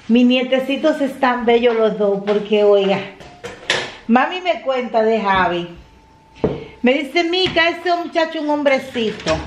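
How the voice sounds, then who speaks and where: A woman's voice: on the high side, low-quality recording. A middle-aged woman vlogging for her family channel, telling stories to the camera in a chatty way and acting out what people said, recorded on a phone. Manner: chatty storyteller, laughs often, acts out quoted lines. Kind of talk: casual chat to camera. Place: in a car and around stores. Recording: traffic and car noise behind.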